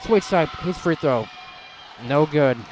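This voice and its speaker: A young man calling a high school basketball playoff game play by play, getting loud at the big plays. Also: expressive, slow, some chatter behind, slight background noise. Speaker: play-by-play announcer. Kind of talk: live basketball commentary.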